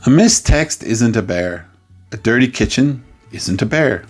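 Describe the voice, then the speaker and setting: A man as a life coach, giving a playful, jokey coaching talk with sudden loud outbursts. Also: mid-range voice, expressive, unhurried, faint music behind.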